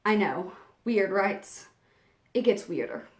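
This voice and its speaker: A woman's voice: medium pitch, lively intonation, slow pace. A woman performing a dramatic monologue as an anxious young woman, confessing in a confiding, conversational, theatrical way. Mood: wry, confiding. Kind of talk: dramatic first-person monologue reading. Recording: echoey room.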